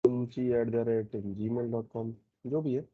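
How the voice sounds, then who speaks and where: A man teaching a programming lesson, explaining step by step and often checking in with a quick "okay". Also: mid-range voice, level tone, narrow, tinny audio. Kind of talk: screen-recorded coding lesson.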